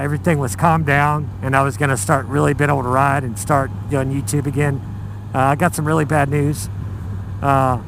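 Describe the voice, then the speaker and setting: A man, talking haltingly from inside a motorcycle helmet as he gives viewers a personal life update. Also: fairly high pitch. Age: 40s. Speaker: motovlogger. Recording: muffled inside helmet, engine and road noise.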